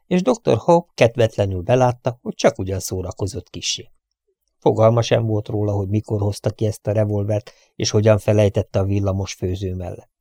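A man reading a novel aloud as an audiobook narrator, in a calm, even storytelling manner. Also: on the low side, creaky, dry recording, clean studio sound.

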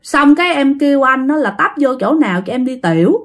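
A woman voicing a patient young man, talking in a gentle, reassuring way. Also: sits high, animated, fairly quick. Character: patient young man soothing his friend.

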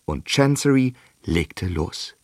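Slow, expressive male storyteller. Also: low voice, over music. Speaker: narrator. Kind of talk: storytelling for a radio drama.

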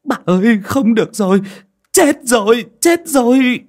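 A man's voice: mid-range voice, very animated, slow pace, pitched above the performer's own voice. A man voicing a terrified teenage boy servant who stammers in panic. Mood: panicked.

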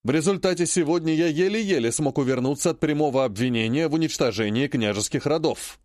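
A man's voice: fairly high pitch, fairly quick, a little mellow, dry recording, natural voice. A man reading an audiobook, voicing a stubborn, sarcastic emperor who talks in a dry, unyielding way.

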